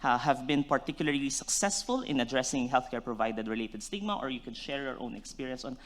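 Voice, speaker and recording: A man's voice: medium pitch, expressive, fast talker. A man moderating a conference panel, thanking speakers and posing long, polite questions. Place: conference stage.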